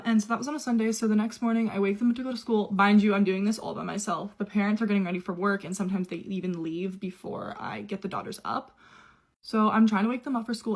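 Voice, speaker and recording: A young woman telling a personal story in a casual, chatty way, full of "like" fillers. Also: mid-range voice. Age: young adult. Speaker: au pair telling her story.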